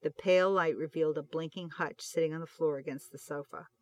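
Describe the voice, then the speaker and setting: A narrator giving a steady, expressive reading of a fan fiction audiobook with shifting loudness. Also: medium pitch, brisk.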